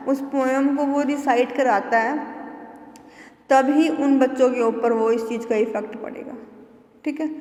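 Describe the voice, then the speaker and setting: A woman's voice: high voice, reverberant, long reverb tail. A woman teacher educator giving a classroom lecture, explaining with examples and checking in with her students often. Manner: explains with examples and frequent "ठीक है" check-ins.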